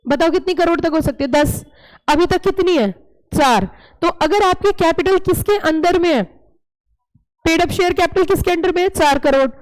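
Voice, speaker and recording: A woman with a very high voice teaching a live classroom lesson. She is playful and animated and keeps quizzing her students with repeated questions. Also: moderate pace, rough recording. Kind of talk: classroom lecture.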